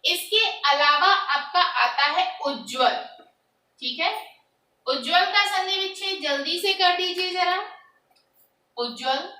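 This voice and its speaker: A woman's voice: very high-pitched, takes it slowly, long pauses, bright, forceful tone, roomy sound, distant mic, rough recording. A woman teacher giving a grammar lesson, asking her students questions and answering them herself. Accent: Hindi.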